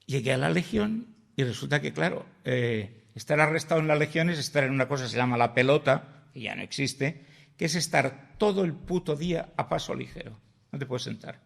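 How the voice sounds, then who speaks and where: Older man, gravelly voice, animated storyteller, podcast guest. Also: mid-range voice, fairly quick. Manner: vivid anecdotal storyteller, acts out dialogue, swears casually.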